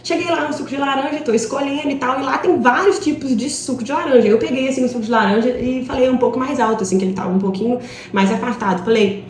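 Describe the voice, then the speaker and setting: A woman's voice: high voice, quick pace, reverberant, slight background noise. A woman in her thirties with a Brazilian Portuguese accent, an English teacher giving a live online class in a chatty storytelling way, often asking "right?". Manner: chatty storytelling, frequent tag questions.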